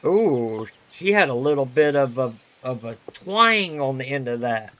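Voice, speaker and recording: A man's voice: mid-range voice, big pitch swings, a little slow, a bit bright. A man casually joking and teasing while streaming a video game. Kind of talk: casual gameplay commentary.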